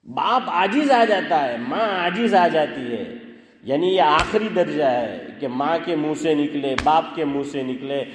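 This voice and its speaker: A man's voice: on the high side, lively intonation, a little hiss or hum. A man preaching in a conversational way to a gathering, often questioning his listeners and chanting verses. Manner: conversational, questions the audience, sings Arabic verses. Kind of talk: informal religious talk to a gathering. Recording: echoey hall with long reverb.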